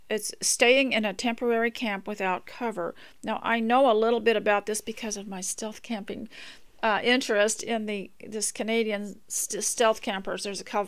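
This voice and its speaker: An older woman talks casually about home life and raising children. She rambles gently and often restarts her sentences, and her voice sits at an ordinary pitch. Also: clean tone. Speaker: homemaking radio host. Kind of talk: casual homemaking talk with poem reading.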